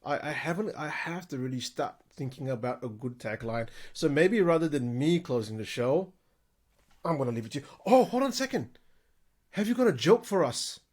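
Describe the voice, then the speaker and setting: A man's voice: medium pitch, animated, brisk, darkish tone. A man co-hosting a ghost-story podcast, joking around, swearing freely and laughing often. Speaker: podcast co-host.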